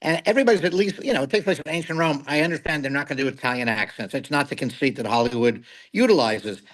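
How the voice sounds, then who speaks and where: A middle-aged man, a comedy writer, giving blunt and animated opinions on films in a casual chat. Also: mid-range voice, fast talker, poor audio. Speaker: guest film critic, comedy writer. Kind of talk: casual film review chat.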